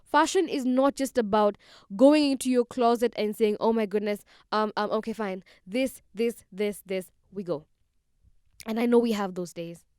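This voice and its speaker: A woman's voice: mid-range voice, moderate pace, a little mellow, smooth, dry recording, clean studio sound. A 21-year-old woman, hosting her own podcast in a bubbly, chatty way, talking straight to her listeners. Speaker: podcast host. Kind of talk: solo podcast monologue.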